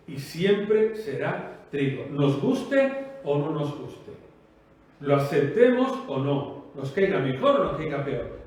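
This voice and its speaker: A man's voice: on the high side, darkish tone, far from the mic. A man from Spain preaching a sermon, emphatic and full of rhetorical questions with repeated, rolling cadences. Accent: Spanish from Spain. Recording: echoey room, voice off-mic.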